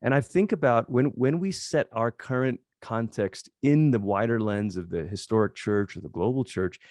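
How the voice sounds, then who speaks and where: A man's voice: mid-range voice, moderate pace, darkish tone, dry recording, clean studio sound. A man who grew up in Malaysia, a pastor speaking as a podcast guest in thoughtful, earnest conversation, often restarting his phrases.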